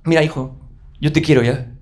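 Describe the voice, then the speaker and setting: A man doing his soft weary father. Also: fairly high pitch, steady tone, lightly acted. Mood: hurt, gentle. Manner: soft, halting, pleading. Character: weary gentle father, middle-aged man. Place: theater stage.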